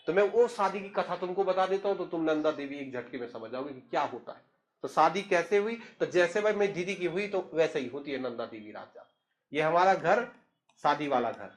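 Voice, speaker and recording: A man, telling a story in a chatty, humorous way and speaking straight to the listener. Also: a little high. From Uttarakhand, India. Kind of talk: casual spoken storytelling.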